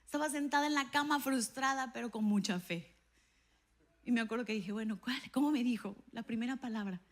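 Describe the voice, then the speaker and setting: A woman pastor preaching a sermon and telling a personal testimony, acting out the dialogue in her stories with an animated voice. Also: a little high, brisk. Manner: animated storytelling, acts out dialogue with a raised voice.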